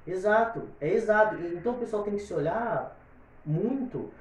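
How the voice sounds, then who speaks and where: A man's voice: high voice, animated, moderate pace. A man from São chatting casually as a podcast guest, giving opinions in a rambling way full of repeated fillers. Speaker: guest singer. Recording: very echoey room, distant mic.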